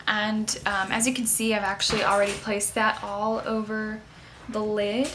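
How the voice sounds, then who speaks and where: A woman talks through a makeup tutorial in a casual, chatty way. Her mid-pitched voice has plenty of vocal fry, and she explains each step informally over faint background noise.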